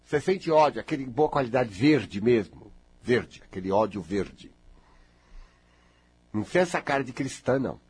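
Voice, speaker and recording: A man giving casual motivational talk, chatty and animated, often calling his listeners "gente" and acting out other voices. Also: normal speed, pauses often, a little hiss or hum. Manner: acts out quoted voices with big pitch jumps. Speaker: speaker giving life advice.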